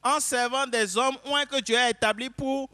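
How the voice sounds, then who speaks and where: A male pastor preaching a sermon in short phrases, pausing between them for his interpreter. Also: very high-pitched, steady tone, pushed and bright, dry recording.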